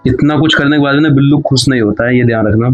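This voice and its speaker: A man's voice: medium pitch, quick pace, highs cut off, soft background music. A man telling a comic story in a chatty, casual way, speaking to the listener like a friend. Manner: chatty, addresses listener as brother.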